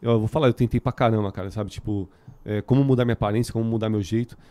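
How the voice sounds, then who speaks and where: A man's voice: on the low side, steady tone, racing, dark tone. A man with a São Paulo Brazilian Portuguese accent chatting casually in very slangy street talk, as a musician guest on a podcast. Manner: heavily slangy, filler-laden street talk. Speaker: band musician, interview guest.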